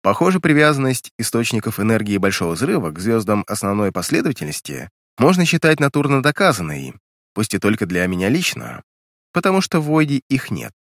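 A man's voice: lowish voice, big pitch swings, brisk, fairly bright tone, no room sound, studio quality. A man narrating a first-person audiobook in a wry, colloquial manner.

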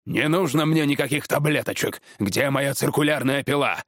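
A man's voice: medium pitch, moderate pace, fairly bright tone, dry recording, studio quality, pitched above the performer's own voice, natural voice. Man doing a barking, hot-tempered woodcutter. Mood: angry. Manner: barking, blustering.

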